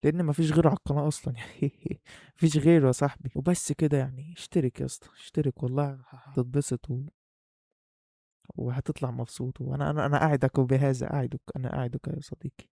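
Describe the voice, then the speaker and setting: Young Egyptian man, fast and joking. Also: medium pitch, little pitch movement, creaky, dark tone, no room sound, clean studio sound. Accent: Egyptian Arabic. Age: young adult. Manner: joking, playful, talks straight to the viewer. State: muffled, breathing hard through a face mask. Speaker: YouTuber. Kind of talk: casual vlog talk to camera.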